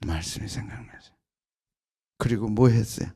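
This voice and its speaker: A man preaching an early-morning prayer sermon as senior pastor, emphatic and repetitive, with sudden loud bursts and soft drops. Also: fairly low pitch, normal speed, vocal fry, slightly rough.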